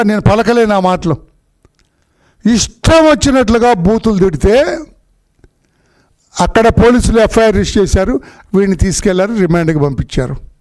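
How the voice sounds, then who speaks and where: High-pitched indignant man scolding a rival. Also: darkish tone. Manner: indignant, scolding, repetitive and accusatory. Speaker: politician at a press conference. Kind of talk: heated political speech.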